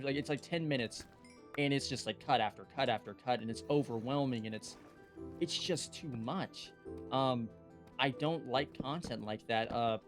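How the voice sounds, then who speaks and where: A young man giving rambling, earnest casual commentary while he plays a game, full of fillers and restarts, with faint music behind him. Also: medium pitch. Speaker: gaming YouTuber.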